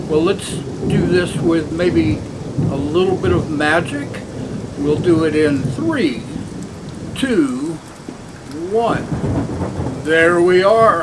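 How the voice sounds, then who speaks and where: A campy late-night horror host doctor, as a man puts him on, speaking in a high, bright voice with slow, unhurried showmanship. He hams it up like a magician emceeing a spooky show. Faint noise sits under his voice. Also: lively intonation. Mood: playful showman. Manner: showman patter, slow and playful. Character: hammy theatrical male horror host doctor.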